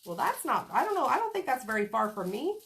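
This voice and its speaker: Brief: woman, congested and scratchy from a cold, chatty rambling craft livestreamer, slightly high voice. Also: very animated, quick pace, gravelly, a bit bright. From Kansas, USA. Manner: chatty, rambling, greets viewers by name. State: getting over a cold. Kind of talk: casual craft livestream chat.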